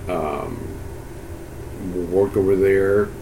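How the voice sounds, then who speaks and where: A man in his sixties from Peru, a Spanish speaker answering oral history questions about his life in a halting way with many restarts. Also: low voice. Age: 60s. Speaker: interviewee, university economist. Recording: steady background hiss.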